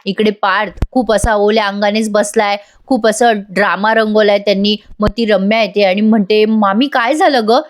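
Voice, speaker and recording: A woman's voice: medium pitch, little pitch movement, normal speed, hardly any pauses. A woman chatting through a voice-over episode review of a TV serial, talking straight to the viewers. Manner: chatty, addresses viewers directly.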